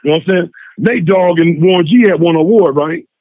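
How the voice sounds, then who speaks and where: A man calling in by phone to tell a story in casual chat, lively and acting out the voices of the people in it. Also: a little high, fast talker, no echo. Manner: animated, acts out voices in his stories. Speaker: phone-in guest. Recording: tinny phone line.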